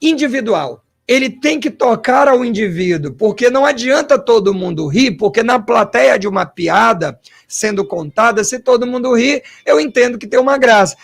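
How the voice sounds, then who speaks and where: A man, a historian hosting an interview, asking long questions and thinking aloud in an animated way with rhetorical asides. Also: very high-pitched, moderate pace, vocal fry, hardly any pauses. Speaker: host and historian.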